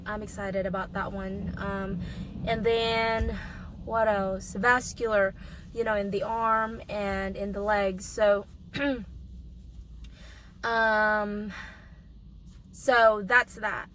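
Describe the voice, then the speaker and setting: A young adult woman with a hoarse voice from a cold, coughing now and then, giving a casual vlog update in a halting way with many pauses and restarts. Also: mid-range voice, fairly even intonation, a bit bright, slight background noise, rough recording. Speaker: vlogger.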